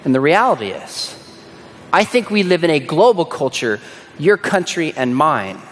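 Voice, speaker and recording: A man preaching a sermon as a dramatic storyteller, who drops to a hush on key words. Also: mid-range voice, slight background noise. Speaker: pastor. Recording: echoey hall.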